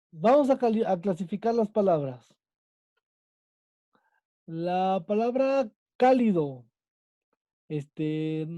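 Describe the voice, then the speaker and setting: A man's voice: high voice, dark tone, dry recording, muffled recording. A man with a Mexican accent, teaching a Spanish class and quizzing his students, checking in with them again and again. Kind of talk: online class lesson.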